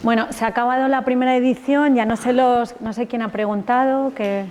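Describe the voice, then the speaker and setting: A woman's voice: fairly high pitch, steady tone, brisk, darkish tone, a little hiss or hum. A woman lecturer, chatting enthusiastically and colloquially while taking questions after her talk. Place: lecture hall. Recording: long reverb of a lecture hall.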